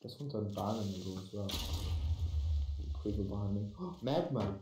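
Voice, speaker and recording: A man playing a game with a friend, teasing him with deadpan jokes between calls about finds. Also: on the low side, normal speed. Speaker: gamer. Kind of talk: casual gameplay chat. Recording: roomy home recording, faint hiss.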